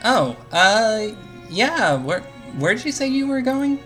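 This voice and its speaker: A man voicing a small forest fairy with a hesitant, halting voice, higher and louder than his own. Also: big pitch swings, soft background music, heavily acted. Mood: hesitant friendly.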